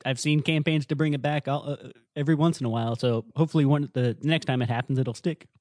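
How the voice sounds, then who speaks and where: Man, podcast co-host, casual chat, enthusiastic, middle pitch, dry close mic. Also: fairly even intonation, fast, darkish tone, no echo. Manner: chatty, enthusiastic, jokey asides. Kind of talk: casual chat about retro video games.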